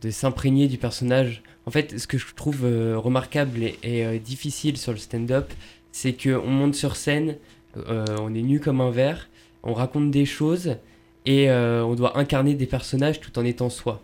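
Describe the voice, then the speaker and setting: A man hosting a radio interview, talking conversationally in a reflective, halting way. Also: mid-range voice, steady tone, mellow.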